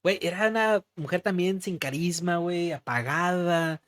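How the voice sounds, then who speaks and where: A man's voice: high-pitched, normal speed, fairly bright tone. A young man with a Mexican accent, co-hosting a casual political chat and dropping "güey" constantly. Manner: slangy, peppers talk with "güey". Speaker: podcast co-host.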